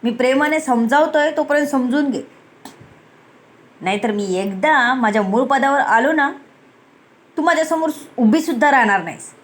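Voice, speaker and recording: A woman's voice: high voice, expressive, normal speed, long pauses. A woman voicing an arrogant young male boss who speaks sternly and threatens in a story reading. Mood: menacing.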